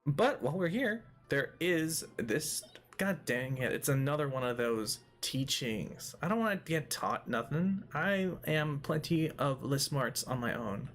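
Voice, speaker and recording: A man's voice: fairly high pitch, lively intonation, unhurried, few pauses, a bit bright, faint music behind. A man hosting a let's play, giving casual, rambling commentary full of jokes and talking to the game's characters. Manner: jokey, rambling, talks to game characters.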